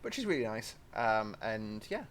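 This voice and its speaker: Here the young British host's fairly low voice is very animated, moving at a moderate pace. He offers rambling, chatty train-sim let's-play commentary, often apologizing in asides.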